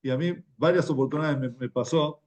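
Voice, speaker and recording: A man's voice: a little high, fairly quick, a little mellow. A man with an Argentine accent giving a conversational religious class, often repeating words as he tells stories. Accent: Argentine Spanish. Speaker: religious teacher. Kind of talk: Torah class talk.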